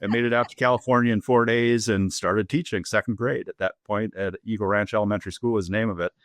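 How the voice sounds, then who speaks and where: Midwest superintendent guy in his 50s w a minnesota accent, chatty, restarts a lot, low voice. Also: steady tone, quick pace, no room sound, studio quality. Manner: easygoing and joking, with frequent restarts. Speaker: school superintendent, guest. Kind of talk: casual interview chat.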